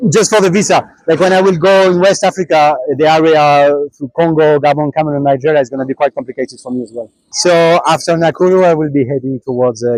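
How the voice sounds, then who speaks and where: A young man, a cyclist answering questions in a relaxed interview, pausing and restarting often. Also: medium pitch, no room sound, poor audio. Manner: halting, many restarts and fillers. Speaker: traveling cyclist.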